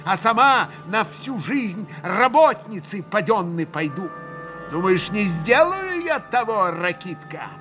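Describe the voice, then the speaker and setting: A man's voice: high voice, big pitch swings, slow, bright, forceful tone, soft background music, pitched above the performer's own voice, heavily acted. A man reading aloud and voicing a passionate young woman who lurches between fury and tears, with hysterical cries. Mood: anguished frenzy. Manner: hysterical outbursts, bitter and sobbing.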